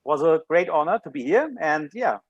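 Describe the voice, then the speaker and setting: Animated, higher-pitched male guest. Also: normal speed, breathy edge, dry recording, lo-fi sound. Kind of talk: casual chat.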